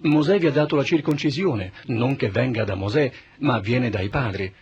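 A man playing Jesus as a calm, solemn teacher in a dramatized Bible reading, speaking in a measured, grave way. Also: mid-range voice, highs cut off, lightly acted.

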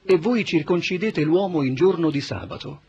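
A man playing Jesus as a calm, solemn teacher in a dramatized Bible reading, speaking in a measured, grave way. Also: a little high, highs cut off, a little hiss or hum, natural voice.

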